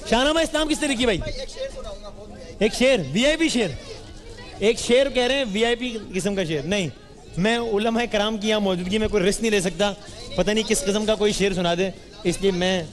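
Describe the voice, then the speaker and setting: A man hosting a live studio quiz, teasing and bantering quickly with the audience. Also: high-pitched. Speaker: game show host. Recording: roomy hall with music and crowd.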